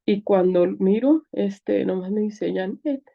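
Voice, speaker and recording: A woman's voice: mid-range voice, moderate pace, gravelly, highs cut off. A woman with a Mexican accent, an interview guest giving an earnest, emotional personal testimony. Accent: Mexican Spanish. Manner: earnest, tearful at times, many fillers.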